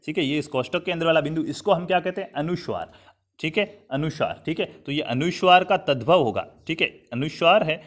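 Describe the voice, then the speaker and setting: Hindi teacher with a fairly high voice. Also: male voice, a little fast. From Rajasthan, India. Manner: repetitive, checks in with "thik hai" often; addresses students as "saathiyon" and "bhai". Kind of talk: online classroom lesson. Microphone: writing on a digital board while talking.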